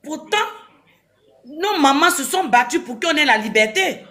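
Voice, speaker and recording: A woman's voice: sits high, animated, measured pace, bright, forceful tone. A woman from Ivory Coast giving a heated, insistent opinion on a talk show, repeating her phrases.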